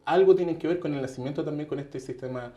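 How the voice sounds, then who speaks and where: A man's voice: a little high, fast, mellow, reverberant, muffled recording. A man hosting a TV interview, talking conversationally with fillers.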